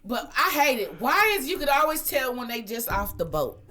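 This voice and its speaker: A woman co-hosting a casual podcast, telling brash, profane stories full of quick impressions. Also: a little high, sing-song, sharp tone. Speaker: podcast co-host. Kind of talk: casual chat.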